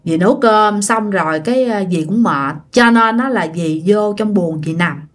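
A woman's voice: medium pitch, moderate pace. A woman telling a ghost story in a chatty way, talking straight to her listeners. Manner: chatty, addresses listeners directly. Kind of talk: casual ghost-story narration.

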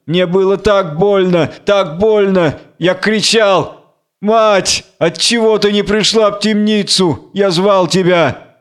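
A man's voice: high voice, takes it slowly, clear, resonant tone. A man voicing a blinded strongman hero, proud and wrathful, speaking in impassioned outbursts. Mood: anguished grief.

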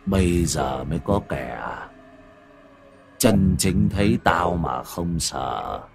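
A man voicing a menacing half-human, half-beast buffalo ghost in a slow, low whisper. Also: lively intonation, creaky, darkish tone, faint music behind, full character voice.

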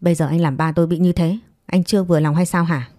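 A woman's voice: lowish voice, fairly even intonation, quick pace, mellow, dry recording, clean studio sound, lightly acted. A woman voicing a resolute young mother in a read-aloud story, firm and earnest.

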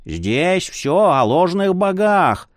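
A man doing a creaky cackling old librarian. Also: high voice, very animated, slow, no room sound, clean studio sound, pitched above the performer's own voice, heavily acted. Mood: jovial. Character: creaky old male bookkeeper, jovial and wheedling.

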